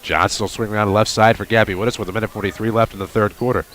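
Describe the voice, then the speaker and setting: A man calling a high school basketball game for radio play-by-play, quick with wry asides, from a gymnasium with faint noise behind. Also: steady tone, fairly bright tone. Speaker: play-by-play announcer.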